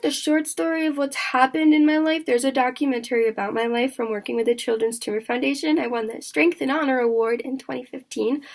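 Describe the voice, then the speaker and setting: A vlogger in her twenties chats candidly with her audience about personal things. Her voice is high with a gravelly, raspy edge, and she talks in halting stretches full of fillers and restarts.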